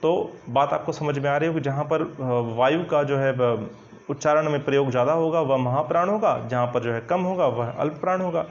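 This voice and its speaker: A man's voice: a little high, normal speed. Male Hindi teacher, dull lo-fi sound. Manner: explanatory, repeats "ठीक है ना" often, hesitant fillers. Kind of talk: online coaching lesson at a whiteboard. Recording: dull lo-fi recording.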